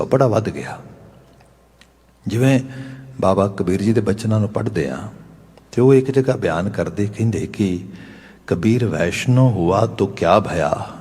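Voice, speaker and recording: A man giving a Sikh religious discourse, slowly chanting scripture lines and retelling a parable with its dialogue. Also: lowish voice, a little mellow, husky. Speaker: Sikh preacher giving katha. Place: gurdwara hall. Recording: long hall reverb.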